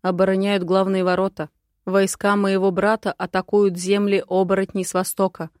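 A woman's voice: mid-range voice, level tone, moderate pace, darkish tone, dry recording, clean studio sound, close to an everyday voice. A woman voicing a commanding, cool male dragon prince who speaks in a steely, firm voice. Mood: urgent.

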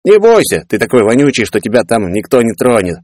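A man voicing a greedy, brash grown brother who talks loud, wheedling and boastful. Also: medium pitch, very animated, brisk, no echo, clean studio sound, pitched above the performer's own voice.

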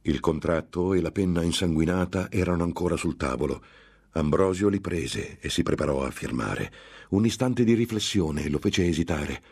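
A man narrating a gothic novel in a grave, measured dramatic reading. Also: low voice, animated, gravelly, darkish tone, breathy edge. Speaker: audiobook narrator.

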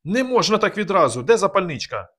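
A man reading aloud, raising his voice high to play an excitable boy balloon pilot. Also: fairly quick, heavily acted. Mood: alarmed. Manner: high, urgent shouting.

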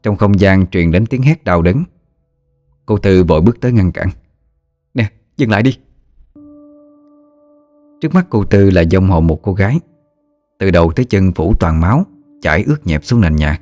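A man narrating a ghost story in a steady, measured storytelling voice. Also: deep voice, no echo, soft background music.

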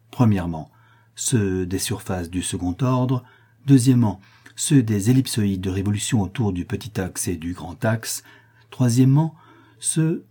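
A man's voice: lowish voice, dark tone, slightly rough. A man voicing a grave, pretentious mad scholar in an audiobook, speaking in a lecturing, self-important way. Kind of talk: audiobook character voice.

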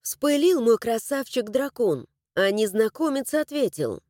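A woman narrating a first-person fantasy audiobook in an expressive storytelling manner. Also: fairly high pitch, unhurried, no echo, clean studio sound.

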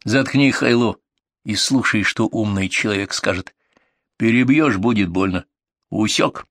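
A man voicing a burly male paramedic who threatens in a low, hissing voice, in an audiobook. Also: a little slow, fairly bright tone, no echo, studio quality. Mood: menacing.

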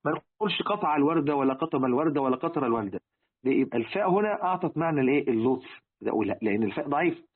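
A man's voice: medium pitch, animated, very fast, husky. A man with an Egyptian accent gives a religious lesson on word meanings, asking his listeners rhetorical questions and repeating key words. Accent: Egyptian Arabic. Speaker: religious teacher. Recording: tinny, phone-like lo-fi recording.

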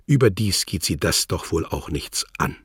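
A guarded, sullen spy, voiced by a male audiobook reader. His low voice is husky and murmured. He sounds sulky and cautious. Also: animated, normal speed, fairly bright tone, no room sound, studio quality, exaggerated voice. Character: sullen, wary middle-aged male shopkeeper-spy. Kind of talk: audiobook character voice.

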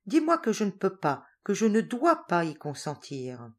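A woman's voice: mid-range voice, wildly swooping pitch, moderate pace. A woman reading the part of an earnest eighteen-year-old girl in a storybook, pleading and sweet.

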